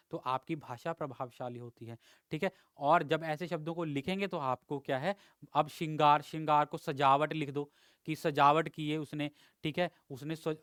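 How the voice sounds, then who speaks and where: Patient male teacher, crisp and dry. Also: on the high side, fairly bright tone, no room sound. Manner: patient, repeats each word and checks with "theek hai". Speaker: exam prep teacher. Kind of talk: spelling lesson over slides.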